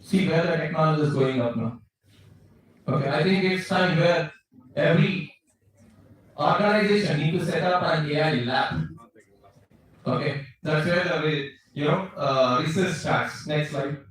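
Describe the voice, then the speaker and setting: Male lecturer, South Indian accent, instructive, slightly high voice, distant mic. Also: normal speed, a little hiss or hum. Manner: instructive, checks understanding with short tags. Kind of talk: lecture with slides. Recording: very echoey room, distant microphone.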